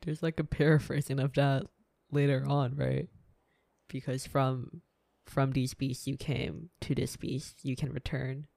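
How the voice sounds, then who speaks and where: A woman's voice: very deep voice, little pitch movement, unhurried, gravelly, warm tone, dry recording. Woman retelling scenes on a dry mic. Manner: retells scenes, paraphrasing characters. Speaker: podcast co-host. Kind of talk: casual book discussion.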